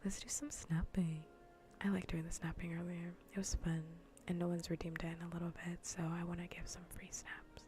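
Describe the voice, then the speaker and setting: On an ASMR gaming livestream, a woman streamer chats casually in a soft, breathy whisper close to the microphone. Her voice is lowish and flat, fairly quick, and she rambles and repeats phrases, with background noise audible.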